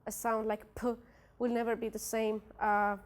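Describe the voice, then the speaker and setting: At an academic workshop, a young woman from a Spanish-speaking country, a native Spanish speaker, presents her research in Spanish-accented English. Her slightly high voice holds a level tone at a moderate pace. She hesitates often, filling gaps with "uh" and "like" and restarting sentences.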